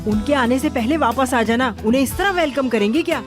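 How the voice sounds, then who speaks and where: An actress dubbing a fussy, bossy aunt who scolds everyone about cleanliness in a TV drama. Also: female voice, high voice, fairly quick, natural voice. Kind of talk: dubbed drama. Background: music.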